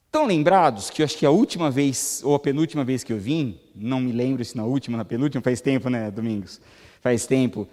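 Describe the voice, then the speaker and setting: With a mid-range, slightly mellow voice and a Brazilian Portuguese accent, a Brazilian man speaks at a spiritist center. The lecture is conversational and full of rhetorical questions to the audience, recorded in a reverberant hall.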